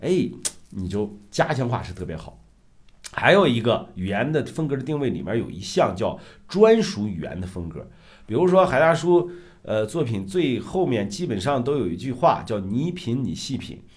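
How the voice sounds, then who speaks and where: A man's voice: medium pitch, very animated, normal speed. A middle-aged man hosting his own show, explaining short-video strategy in a casual lecture style with emphatic asides and rhetorical questions. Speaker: self-media coach, show host.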